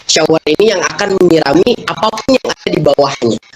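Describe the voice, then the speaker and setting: A man in his twenties who runs a fish business, answering interview questions at length, often pausing to find his words. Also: fairly high pitch, expressive, soft background music, rough recording. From Indonesia. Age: 20s. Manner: expansive, explains at length with many pauses and fillers. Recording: loud background noise.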